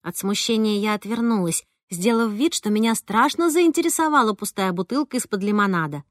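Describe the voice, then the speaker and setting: A woman narrating a first-person novel in an even, clear storytelling voice. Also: medium pitch, fairly quick, no echo, studio quality. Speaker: audiobook narrator.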